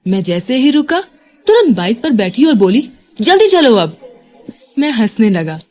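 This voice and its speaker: A woman narrating a love story in an expressive storytelling voice. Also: a little high, moderate pace, faint music behind. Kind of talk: scripted narration.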